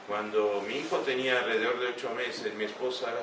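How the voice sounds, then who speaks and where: An older man gives an earnest talk to a young audience in a mid-range voice at a fairly quick pace, frequently breaking off to ask rhetorical questions. The recording comes from a distance in an echoey room with constant room noise in the background.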